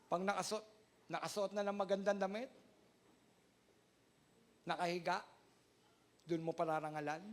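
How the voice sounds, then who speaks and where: A man preaching a sermon as pastor, loud and near shouting, calling out to the congregation for amens. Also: steady tone, moderate pace, pauses often. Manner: loud, often sounds like shouting; acts out quoted voices with big pitch jumps.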